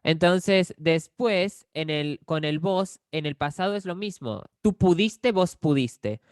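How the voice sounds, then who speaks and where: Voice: medium pitch, slow, dry recording, studio quality. Speaker with a Córdoba Argentine accent. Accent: Cordoba Argentine Spanish. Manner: explains patiently with examples, often checks in with "¿sí?". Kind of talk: explanatory conversation.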